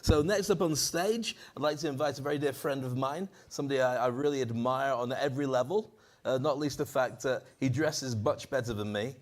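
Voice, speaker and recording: With soft music playing in the background, a man hosts a conference stage and coaches on public speaking, talking fairly quickly in a mid-range voice. Handheld microphone in hand, he's jokey and animated, stirring up the audience.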